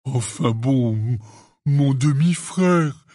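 A man doing a slow, stammering, anxious giant. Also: medium pitch, warm tone, no room sound, studio quality. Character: huge, anxious, tender-hearted half-giant man. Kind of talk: audiobook character reading.

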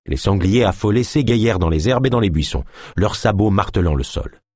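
A man reading an audiobook aloud, in measured, even-paced narration. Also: fairly low pitch, breathy edge, no room sound, clean studio sound.

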